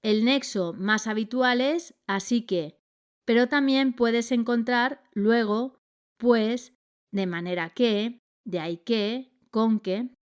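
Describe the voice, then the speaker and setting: A grammar teacher, a woman with a voice on the high side, reads a scripted grammar lesson with measured, clear delivery.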